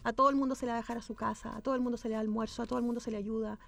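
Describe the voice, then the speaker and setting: Fast, high-voiced Chilean woman storyteller. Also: steady tone, vocal fry, a bit bright. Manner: acts out quoted speech, repeats words for emphasis. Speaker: guest businesswoman. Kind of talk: animated personal storytelling.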